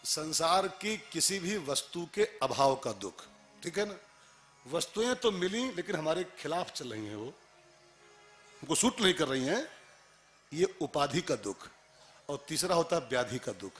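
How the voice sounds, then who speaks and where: A man preaching a devotional sermon, animated and rhetorical, repeating phrases and asking the audience questions. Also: a little high, measured pace, pauses often, faint music behind.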